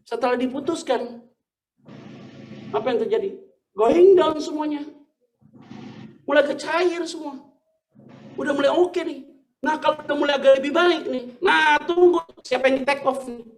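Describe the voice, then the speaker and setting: A man's voice: very high voice, moderate pace, pauses often. A middle-aged man preaching a sermon as pastor, telling stories in a casual, slangy way and laughing often.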